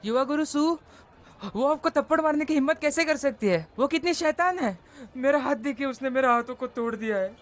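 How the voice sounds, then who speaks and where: A man's voice: very high-pitched, fairly quick. An actor playing a lecherous bullying man who harasses a girl, in a dubbed drama. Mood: whining. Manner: leering, whining, shouting. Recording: music behind.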